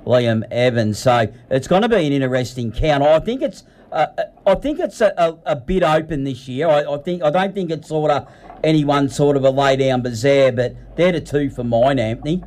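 A man's voice: a little high, normal speed, a little mellow. An Australian man hosting a sports radio show, interviewing in a casual, matey, conversational way.

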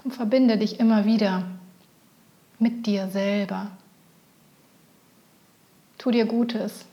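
A woman leading a guided meditation, speaking gently and often slipping into a whisper. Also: mid-range voice, steady tone, highs cut off. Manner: soft, slow, often whispered.

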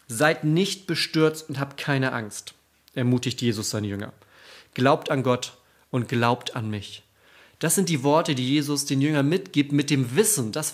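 Male pastor, sermon delivery, earnest and encouraging, a bit higher-pitched than most men. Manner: earnest, encouraging, speaks directly to the listener.

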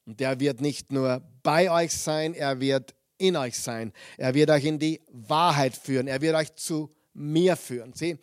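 A man's voice: fairly high pitch, no room sound, clean studio sound. A man preaching a Bible teaching sermon, earnest and emphatic, reading scripture with rising intensity.

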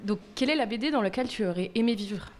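A woman co-hosting a podcast on a live stage, presenting in a brisk, upbeat way. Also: a little high, lively intonation, slight background noise. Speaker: podcast co-host. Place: live stage before an audience.

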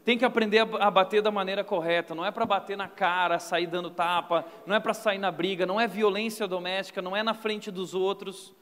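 A man with a Brazilian accent preaching a sermon, telling stories and acting out quotes in an animated way. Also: high voice, brisk, hardly any pauses. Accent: Brazilian Portuguese. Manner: animated storytelling with acted-out quotes. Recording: long hall reverb.

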